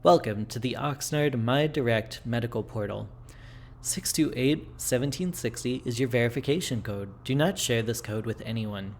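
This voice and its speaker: Automated billing system for a game, impersonal, formal, mid-pitched, male reader, slightly noisy. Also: moderate pace, close to an everyday voice.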